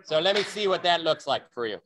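A man coaching a virtual sword-fighting practice on a video call, explaining and demonstrating with sharp bursts of breath. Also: a little high, animated, fast, background noise.

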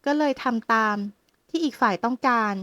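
A woman narrating a romance novel audiobook in a steady, measured way. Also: fairly high pitch, no echo.

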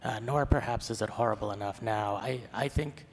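A man answering on a conference panel in a grave, deliberate way, speaking into a table microphone in a large hall. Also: on the low side, a little hiss or hum. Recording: reverberant hall, faint ambience.

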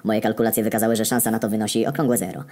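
A male narrator reads a comedic story at a brisk, rapid clip. His voice is dark and mellow, and his delivery stays deadpan and wry, peppered with coarse swearing. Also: fairly low pitch.

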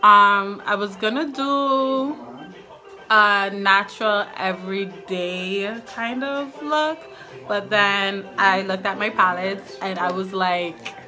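With music playing, a beauty vlogger in her twenties from Trinidad talks casually to camera as she applies her makeup in a small room furnished with curtains and a couch. She speaks slowly in a mid-range voice that sounds pushed and bright.

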